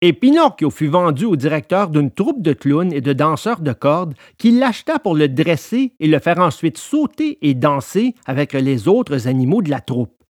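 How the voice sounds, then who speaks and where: A man narrating a storybook in an expressive, lively way. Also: a little high, moderate pace, hardly any pauses, no echo, clean studio sound.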